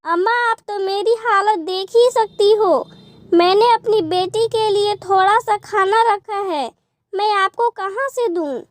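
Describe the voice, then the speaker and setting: A woman voicing a worried, gentle, poor young mother in a cartoon story. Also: very high-pitched, measured pace, no room sound.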